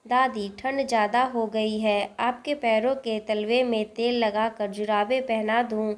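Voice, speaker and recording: A woman voicing an innocent, caring young granddaughter who coaxes softly in a storybook reading. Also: fairly high pitch, flat delivery, unhurried, lightly acted. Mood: coaxing, caring.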